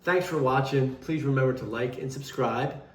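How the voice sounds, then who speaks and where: A man's voice: medium pitch, moderate pace. A man hosting a scene review show, giving informal, emphatic, conversational commentary to viewers. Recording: roomy, echoing voice.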